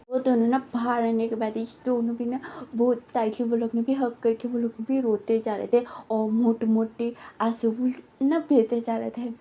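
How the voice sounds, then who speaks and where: A woman's voice: fairly high pitch, dark tone. A woman casually retelling a fan story in a rambling, filler-heavy way, slipping into quoted lines.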